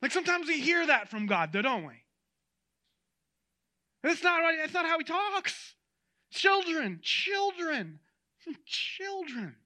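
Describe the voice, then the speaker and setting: Male preacher, sermon delivery, very high and bright voice, chatty and animated with the congregation. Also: unhurried, long pauses. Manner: conversational and animated, addresses the audience directly.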